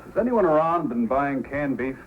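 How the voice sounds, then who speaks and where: An actor playing a calm, cautious police sergeant of the North in a measured, matter-of-fact way, in old-time radio drama style. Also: male voice, medium pitch, lightly acted. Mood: steady, calm. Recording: muffled, noisy old radio recording.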